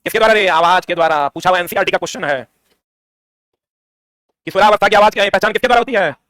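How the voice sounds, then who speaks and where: Rapid-fire teacher quizzing himself. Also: male voice, sits high, a bit bright, no room sound. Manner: quizzing, asks and answers his own questions. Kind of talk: exam-prep science lesson.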